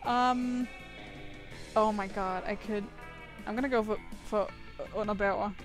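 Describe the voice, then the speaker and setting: A woman's voice: mid-range voice, fairly even intonation, unhurried, music in the background. A woman streaming a dating game, chatting casually, swearing freely and reading game text aloud. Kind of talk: casual gameplay chat with guests.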